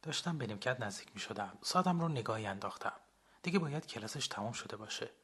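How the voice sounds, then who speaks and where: A young man narrating a personal story in the first person, calm and reflective. His voice has a husky, slightly breathy grain throughout the radio reading. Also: mid-range voice. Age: young adult. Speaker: blogger and storyteller.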